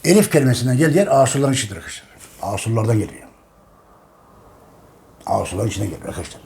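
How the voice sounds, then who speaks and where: With a gravelly, darkish, medium-pitched voice, this man rattles off a casual history monologue in a rapid, sing-song rhythm. He preaches emphatically, restating his points and addressing the audience as his friends.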